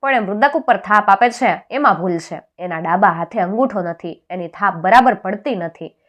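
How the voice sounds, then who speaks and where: Storybook role: a devoted young flute player, voiced by a woman narrator, calm and plain. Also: medium pitch, normal speed, muffled recording, natural voice.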